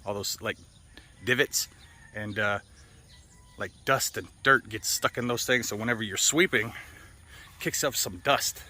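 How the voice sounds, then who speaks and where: An American man vlogs outdoors in a yard, rambling casually in an offhand way and swearing freely. His voice sits fairly low and sounds bright and forceful, and he takes his time with frequent pauses. Birds, roosters and general outdoor ambience make the recording noisy.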